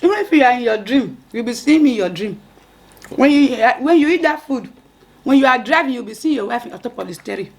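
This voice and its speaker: A woman's voice: on the high side, expressive, fast, vocal fry, a little mellow. A woman with a West African accent in casual, bantering chat as she eats soup, often repeating herself and humming between phrases. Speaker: wife in a couple's mukbang video.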